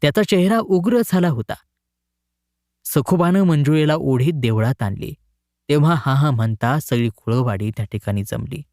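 A man narrating a short story in a dramatic, expressive reading. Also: medium pitch, normal speed, no echo, clean studio sound.

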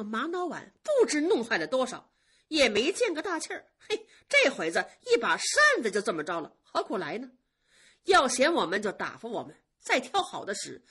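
A woman storyteller voicing a proud, sharp-tongued young maidservant who answers back with sneering, biting retorts. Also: on the high side, breathy edge, voice pushed up, heavily acted. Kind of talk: traditional storytelling.

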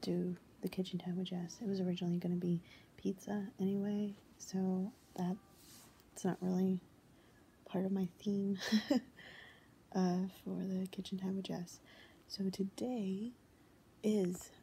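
A young woman chatting casually to camera in a hushed, near-whispering voice kept low, halting as she goes. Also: flat delivery, slight background noise. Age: young adult. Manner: hesitant, halting. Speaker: home cooking vlogger. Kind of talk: quiet casual chat to camera. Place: indoors in a home living room. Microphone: phone held at arm's length.

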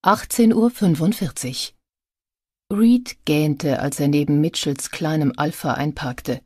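A woman reading a thriller audiobook in a measured, subdued narration. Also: deep voice, darkish tone, slightly rough, no echo, clean studio sound.

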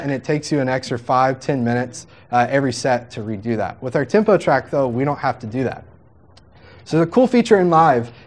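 A man giving a jokey, chatty live workshop demonstration as a music software trainer, teaching a room of people and acting out quoted asides. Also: on the high side.

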